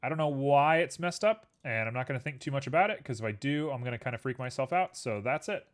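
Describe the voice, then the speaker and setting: Building a 3D model live, this young man talks fast and with lots of animation. His middle-pitched voice carries a relaxed, rambling commentary directed at viewers as well as at the objects he's handling on screen.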